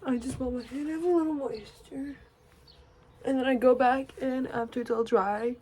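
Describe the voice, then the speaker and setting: A young woman chatting casually while getting ready, sleepy and rambling, sometimes dropping to a soft murmur. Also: sits high, fairly even intonation, normal speed, breathy edge. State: sleepy, yawning. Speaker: beauty vlogger. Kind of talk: casual get-ready-with-me chat.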